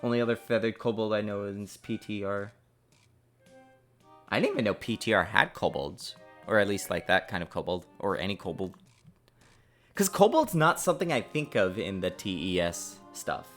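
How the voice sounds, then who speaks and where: This indie game developer's lowish, fairly bright voice is animated and moderately paced as he livestreams his coding over faint music. Casual and rambling, he fills his talk with fillers, swears at the code, and blurts confused exclamations.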